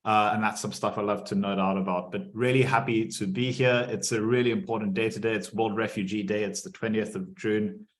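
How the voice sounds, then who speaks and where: A man speaking as a panel guest, relaxed and friendly with some fillers. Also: on the low side, a little fast, few pauses. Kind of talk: casual panel chat.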